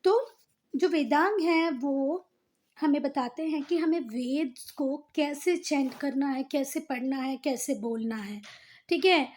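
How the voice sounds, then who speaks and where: A woman with a high, light voice teaches a class, writing as she talks and going back over each term several times. She asks her pupils questions and answers them herself, calling them "beta" in a friendly, everyday tone. Her speech. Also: slow pace, a little mellow. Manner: talks to pupils as "beta" and "bhaiya", repeats and drills words. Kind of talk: classroom lesson with board writing.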